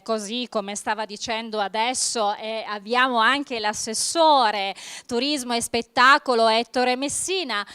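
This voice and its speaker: Woman, live TV host, high bright voice, effusive formal phrasing, event interviews. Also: smooth.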